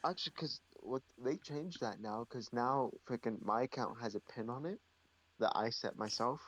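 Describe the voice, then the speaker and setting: A man's voice: medium pitch, moderate pace, a bit bright, rough recording. A man co-hosting a casual show review, mostly chiming in with short, laid-back replies. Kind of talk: casual chat.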